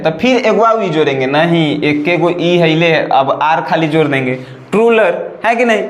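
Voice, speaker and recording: Brief: male grammar teacher with a Bhojpuri accent, high voice, echoey room. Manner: repetitive, checks in with "right or not?". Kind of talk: classroom-style lesson.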